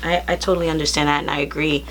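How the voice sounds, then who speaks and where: A woman's voice: deep voice, little pitch movement, very fast, a bit bright, a little hiss or hum. A woman hosting a casual interview, encouraging her guest and affirming him often. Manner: encouraging, with many affirming fillers. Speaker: interview host.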